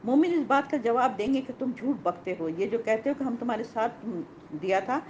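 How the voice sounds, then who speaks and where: A woman teaching a Quran lesson to women, animated, asking rhetorical questions and repeating key points. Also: a little high, dull audio, slight background noise.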